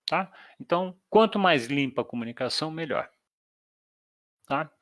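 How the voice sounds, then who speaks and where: A man's voice: fairly high pitch, animated, normal speed, fairly bright tone, no room sound, clean studio sound. Man with a Brazilian accent explaining patiently, checking in often. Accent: Brazilian Portuguese. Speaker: flight communication instructor. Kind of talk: online lecture. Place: voice chat call.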